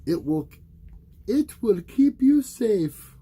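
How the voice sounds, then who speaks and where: A man's voice: high-pitched, sing-song, takes it slowly, dark tone, slightly rough, voice pushed up, exaggerated voice. A man voicing a worried, insistent mother while reading a storybook to a young child. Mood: earnest, protective. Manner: exaggerated parental urging, read to a young child.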